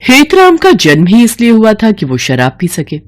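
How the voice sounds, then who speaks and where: A woman reads a moral story aloud as scripted storybook narration. Her voice rises and falls a great deal, and she brings an expressive touch to every line. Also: a little high, moderate pace, no room sound.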